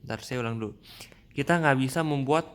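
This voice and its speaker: A man's voice: medium pitch, smooth. A young man walking through a statistics exam problem in a casual screen-recorded tutorial, often restarting and correcting himself. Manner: halting, many restarts and fillers, informal. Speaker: student explaining a math problem.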